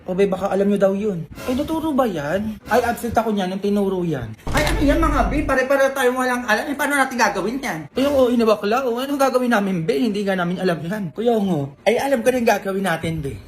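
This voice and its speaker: A man's voice: high voice, animated, fast, hardly any pauses. A man performing comic skits, bantering in a playful, sassy and teasing way. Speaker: comedy skit creator. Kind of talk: comedic skit acting, casual banter.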